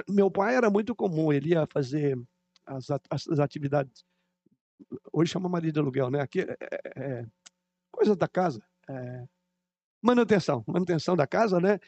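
Man, middle-aged preacher, high voice, gravelly, chatty sermon full of asides. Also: a little mellow. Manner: conversational, digressive with personal anecdotes. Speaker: pastor.

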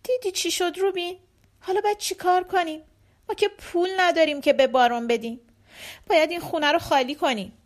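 A woman's voice: extremely high pitch, fairly even intonation, pitched above the performer's own voice. A woman voicing a poor, loving old grandmother in a storybook, wailing and pleading. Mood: tearful.

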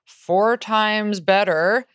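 A woman with a clean, smooth voice co-hosts a casual podcast. She banters through stories and ad reads with slangy, playful agreement. The recording is dry, with very little room sound. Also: mid-range voice, drawn-out words, no room sound. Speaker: podcast co-host. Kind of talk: casual comedic chat and ad banter.

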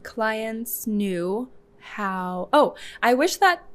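A woman's voice: fairly high pitch, big pitch swings, extremely slow, clean tone. Chatty laughing woman stylist. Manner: chatty, laughs often, many "like" fillers. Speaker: hairstylist and salon owner, guest. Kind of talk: casual podcast conversation.

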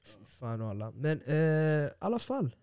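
A young man co-hosting a casual podcast, telling stories in animated, slangy street Swedish. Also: mid-range voice, no echo, clean studio sound. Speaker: podcast co-host. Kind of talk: casual chat. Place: small studio room.

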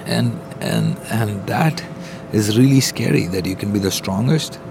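A low-voiced man records an informal devotional podcast in an airport terminal, with rumbling noise behind him. His voice is gravelly, and he teaches earnestly as a pastor, halting and restating phrases.

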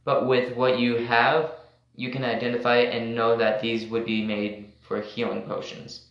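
A man running a tabletop game as game master and host, describing scenes plainly and unhurriedly, heard through a low quality voice-chat stream. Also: flat delivery, normal speed, fairly bright tone, muffled recording. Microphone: computer mic over voice chat. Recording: echoey, noisy low-quality voice-chat audio.

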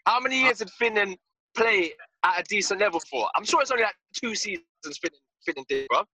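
A man's voice: sits high, expressive, fast, pushed and bright, no echo, poor audio. A man with a London accent takes part in a casual football debate as a panellist, slangy and emphatic, often repeating himself. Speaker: podcast panellist.

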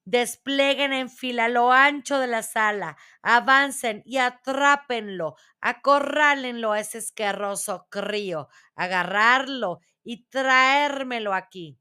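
A woman storyteller voicing a cruel, commanding grand witch who barks shrill orders in a storybook reading. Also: slow pace, few pauses, sharp tone, smooth. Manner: shrill, barking orders at her followers.

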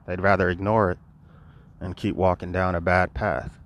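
A man's voice: sits low, level tone, moderate pace, fairly bright tone. A man giving an earnest, preachy spiritual monologue outdoors, repeating his phrases. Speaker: vlogger. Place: outdoors by a road. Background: passing cars and wind.

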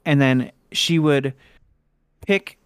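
A man's voice: medium pitch, takes it slowly, smooth, no room sound. A man hosting a podcast, chatting casually and laughing easily, swearing now and then. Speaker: podcast host.

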